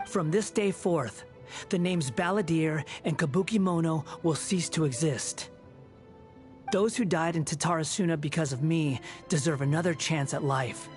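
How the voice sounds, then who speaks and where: A man playing an aloof, cynical young former villain in a video game, speaking in a cool, sardonic, deliberate way. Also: on the high side, soft background music, close to an everyday voice. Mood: menacing, resolute. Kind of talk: video game dialogue acting.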